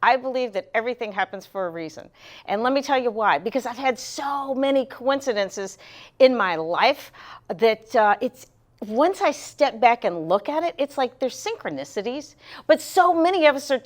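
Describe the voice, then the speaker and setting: A middle-aged woman talks straight to her viewers in a slightly high voice. She is earnest and heartfelt, and she often stops and restarts her sentences as she recounts personal stories. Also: animated, normal speed. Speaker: vlog host.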